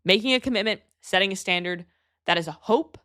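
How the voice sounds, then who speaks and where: A young woman delivers a motivational podcast in an emphatic, blunt way, and she swears freely. Her voice sits at an ordinary middle pitch. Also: brisk, a bit bright. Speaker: podcast host and fitness coach.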